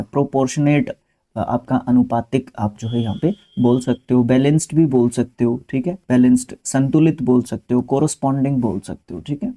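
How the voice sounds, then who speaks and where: A man with an Indian accent walks students through English spelling words, talking to them directly in a relaxed, conversational way. His voice is very dark and mellow, sitting at an ordinary middle pitch, and it is full of easygoing fillers and side remarks. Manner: conversational, with frequent fillers and asides; patient, speaks to students directly. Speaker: English vocabulary teacher. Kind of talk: explaining a spelling lesson.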